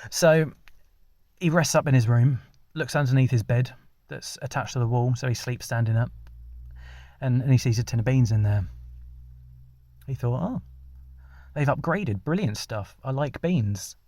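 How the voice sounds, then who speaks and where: Male storyteller, deadpan ad-lib narration, mid pitch, dry close-miked sound. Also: moderate pace, long pauses, dry recording. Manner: rambling, deadpan, many restarts. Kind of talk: ad-libbed comic storytelling.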